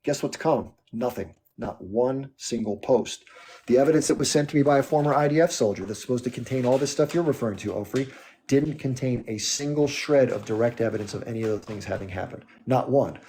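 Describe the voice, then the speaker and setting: A man's voice: medium pitch, fairly quick, dark tone, a little hiss or hum. A man hosting a live stream, arguing in an emphatic way and firing off rhetorical questions. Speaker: livestream host. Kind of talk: heated political monologue.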